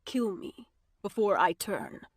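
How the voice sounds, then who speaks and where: Woman reader doing a wounded male lover: breathy, slow, pleading, dry booth. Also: mid-range voice, big pitch swings, dry recording, exaggerated voice. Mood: grave pleading. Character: brooding wounded male vampire-like lover, grave. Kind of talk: audiobook character voicing.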